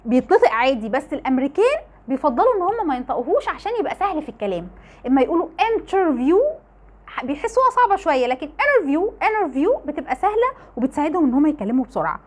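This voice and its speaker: Lively fast-talking Egyptian woman teacher. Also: high voice. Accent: Egyptian Arabic. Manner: lively, fast explaining with repeated example words. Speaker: English pronunciation teacher. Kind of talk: online lesson.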